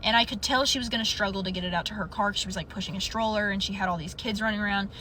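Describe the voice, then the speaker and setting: Speaking very fast in a mid-range voice, a young adult woman tells a story from her customer service work, playing out each person's lines with animation. Slight background noise sits under the clip.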